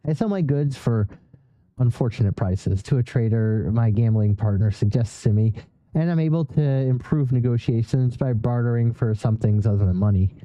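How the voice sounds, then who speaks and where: A man's voice: medium pitch, moderate pace, warm tone, dry recording, poor audio. A man narrating a solo role-play journal in first person, reading aloud with small stumbles and self-corrections.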